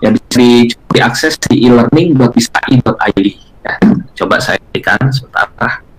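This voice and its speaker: A man presents a live online webinar from a video conference. He talks hesitantly, pausing on filler sounds, and keeps turning to address his audience politely. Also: mid-range voice, low-quality recording.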